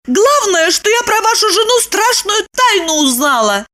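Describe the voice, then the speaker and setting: A woman doing a squeaky, shrill young woman. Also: expressive, moderate pace, pushed and bright, full character voice. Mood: indignant. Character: excitable, indignant young woman. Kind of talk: audiobook character reading.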